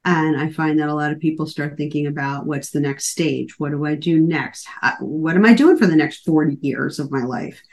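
Low-voiced woman author in casual chat. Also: normal speed, few pauses. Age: 40s. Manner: conversational, many fillers and restarts. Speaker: guest author. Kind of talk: casual podcast conversation.

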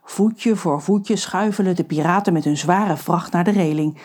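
A woman narrating a children's audiobook with lively, expressive storytelling. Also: lowish voice, normal speed.

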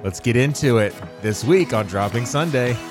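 A man's voice: mid-range voice, lively intonation, normal speed, over loud music. A man co-hosting a casual podcast, a bit groggy from just waking up, telling a rambling story full of fillers. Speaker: podcast co-host.

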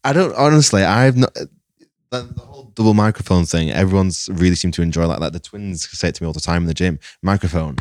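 A man's voice: deep voice, fast, darkish tone, no room sound, clean studio sound. An English man, a videographer guest, chatting casually and rambling on a podcast, swearing now and then. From England.

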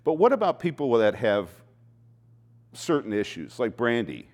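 A man's voice: medium pitch, very animated, moderate pace, a little mellow. Male talk show host, fifties or up. Jocular, folksy, informal interview chat. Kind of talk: casual, joking interview chat.

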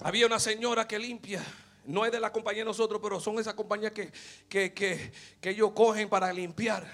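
Gravelly high-voiced shouting preacher. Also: male voice, fairly even intonation, quick pace. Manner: shouting with fervor, repeated hallelujahs, swings to hushed storytelling. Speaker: pastor. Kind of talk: sermon.

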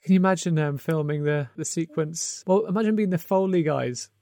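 A man with a slightly higher voice and a gravelly edge talks through a film on a podcast. He hesitates a lot, restarting phrases and filling gaps with ums. The sound is close and dry, with no room around it. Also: brisk, warm tone, dry recording. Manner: hesitant, full of ums and restarts, laughs often. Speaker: podcast co-host. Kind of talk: casual film discussion.

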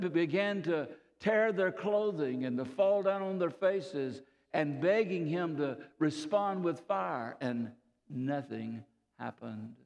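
A man preaching a sermon, telling a scripture story deliberately and dropping his voice low on key phrases. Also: darkish tone. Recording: reverberant hall.

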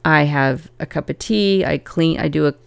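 Gravelly-voiced woman, earnest podcast co-host. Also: deep voice, normal speed. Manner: earnest, reflective, laughs easily. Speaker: podcast co-host and family coach. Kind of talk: casual podcast chat.

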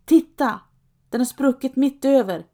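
A woman reading aloud and voicing a crude, greedy male robber with a shrill, loud way of exclaiming. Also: natural voice. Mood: shrill excited. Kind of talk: audiobook reading.

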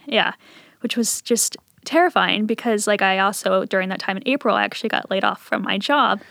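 Brisk and gravelly with a slightly bright edge, her medium-pitched voice comes through at studio quality without echo. She's in her thirties, raised in southern Ohio Appalachia and then Richmond, Virginia, and she's telling personal anecdotes as a casual interview guest.

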